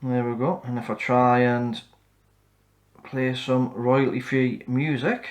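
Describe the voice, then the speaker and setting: A man hosting a repair channel, calmly walking through a fix in a casual, matter-of-fact way and counting off mic checks. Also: medium pitch, slow.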